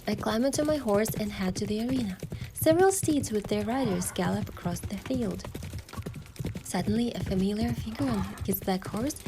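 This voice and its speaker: Playing an affectionate, thoughtful young heroine, a woman narrates a romance game in the first person with earnest reflection. Her natural, mid-range voice moves at normal speed, with music and background noise in the recording.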